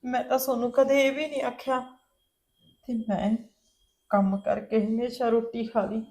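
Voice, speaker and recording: A woman's voice: fairly high pitch, level tone, normal speed, darkish tone, natural voice. A woman playing a hurt, plaintive aunt. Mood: aggrieved. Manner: plaintive, reflective complaint. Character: hurt aunt who lives with her brother's family. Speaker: sister-in-law, married daughter of the house. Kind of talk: Punjabi family drama acting.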